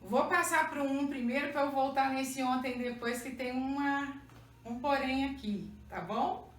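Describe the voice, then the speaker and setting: A Brazilian woman teaching Portuguese grammar at a very slow, careful pace, stopping often to check that students follow. Her somewhat high voice sounds from a distance in a very echoey room. A faint hum runs underneath. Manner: checks in with "tá?" and "ó", counts letters aloud slowly. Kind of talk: whiteboard grammar lesson. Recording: roomy echo, mic far off, faint hum.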